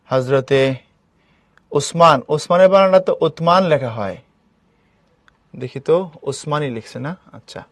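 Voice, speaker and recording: A man's voice: on the high side, a little slow, long pauses, no echo. Dry-voiced male teacher. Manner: explains patiently, asks students questions. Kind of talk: live online class lecture.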